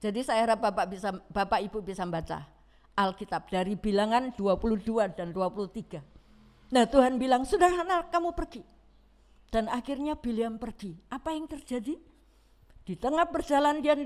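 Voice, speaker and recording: A woman's voice: fairly high pitch, normal speed. A middle-aged woman with a Javanese accent preaching a Sunday sermon, telling the story vividly and acting out the quoted lines. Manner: lively storytelling, acts out quotes, mixes in Javanese phrases.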